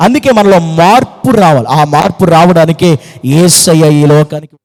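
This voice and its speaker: A man's voice: a little high, expressive, moderate pace, darkish tone, big-room sound. A man preaching a fervent sermon as pastor, repeating phrases and firing rhetorical questions. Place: church hall.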